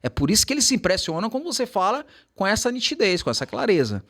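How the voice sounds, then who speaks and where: A man teaching English to Portuguese speakers in a casual chat, slowing down to model English words carefully. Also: sits high. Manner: animated, switches to slow careful English examples.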